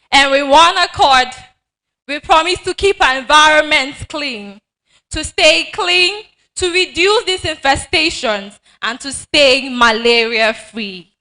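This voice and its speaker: A woman's voice: high voice, bright, forceful tone, low-quality recording. A woman reciting a dramatic rhyming spoken-word poem. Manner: slow, dramatic, rhyming delivery.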